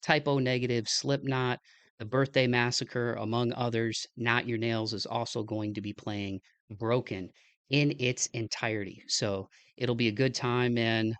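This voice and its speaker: A man's voice: lowish voice, fairly bright tone, smooth, no room sound. A young man with a Midwestern American accent wrapping up his podcast episode in a loose, rambling way, with lots of fillers and restarts. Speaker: podcast host. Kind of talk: casual podcast outro.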